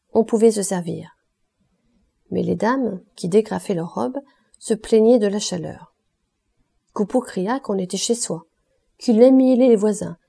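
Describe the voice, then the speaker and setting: Husky, dark-voiced woman audiobook reader. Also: medium pitch. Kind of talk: audiobook narration of a classic novel.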